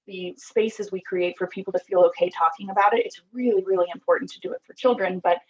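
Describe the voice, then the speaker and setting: Speaking at a quick pace, this woman has a steady, mid-range voice with a slightly dark tone, and the high frequencies are cut off. She is in her thirties, comes from Costa Rica, and founded an app; as a podcast guest she reflects openly and earnestly, often saying um and like.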